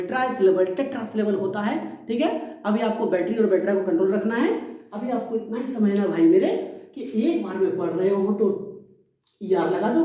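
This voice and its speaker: A man's voice: high voice, dark tone. A man teaching a casual grammar lesson for board exams, chatty and friendly, calling his students brother and dropping playful rhymes. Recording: very echoey room.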